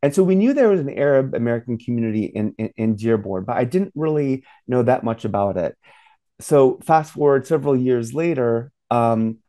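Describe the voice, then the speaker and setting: This mellow, medium-pitched voice belongs to a man in his forties who grew up in Saudi Arabia. He's an author and professor being interviewed, and his answers ramble, full of fillers and false starts.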